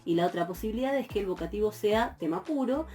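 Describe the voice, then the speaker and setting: A woman's voice: fairly high pitch, sing-song, fast talker, mellow, soft background music. A woman from Argentina, teaching a university Greek grammar class with patient explanations and frequent fillers. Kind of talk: recorded lecture.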